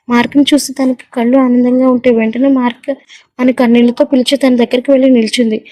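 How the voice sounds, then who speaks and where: Fast, high-voiced woman storyteller. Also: dark tone, no room sound, low-quality recording. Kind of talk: audio story narration.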